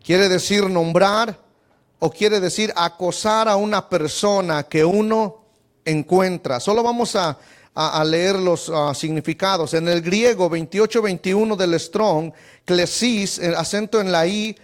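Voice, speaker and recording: A male pastor teaches Scripture in a methodical way. His voice sits high and he moves at a slow, deliberate pace, repeating words as he thinks. He addresses the listeners as brother and punctuates his points with amen. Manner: methodical, spells out word accents and Strong numbers, addresses listeners as brother; frequent amens and repeated stammered words. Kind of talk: Bible teaching lesson.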